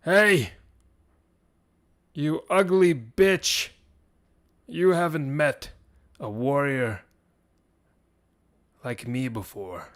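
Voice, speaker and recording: A brash, cocky warrior hurls a crude taunt across a battlefield, as a man puts him on during a story. The shout is loud and swaggering, in an ordinary middle-pitched male voice. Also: extremely slow, long pauses.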